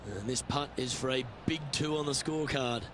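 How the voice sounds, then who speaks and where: A man's voice: medium pitch, normal speed, noisy background, close to an everyday voice. A man speaking as a golf commentator, giving play-by-play as the lead announcer of a tournament broadcast. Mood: composed. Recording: loud crowd and outdoor ambience behind.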